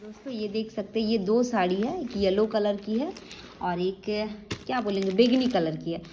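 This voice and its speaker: A woman's voice: mid-range voice, normal speed, dark tone, roomy sound, a little hiss or hum. A young woman chatting casually to her viewers in a rambling family vlog at home. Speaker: family vlogger.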